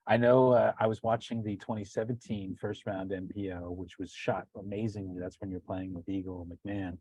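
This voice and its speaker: Husky low-voiced podcast host. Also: male voice, level tone, normal speed, mellow, dry recording. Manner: rambling, self-correcting questions. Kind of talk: casual interview.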